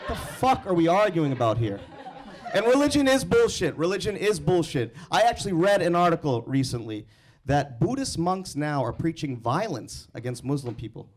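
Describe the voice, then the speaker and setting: Stand-up comic, young man from India, brash crowd-work energy, a touch high-pitched. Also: big pitch swings. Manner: brash, teasing, quick crowd banter. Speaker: stand-up comedian. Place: comedy club stage. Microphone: handheld microphone.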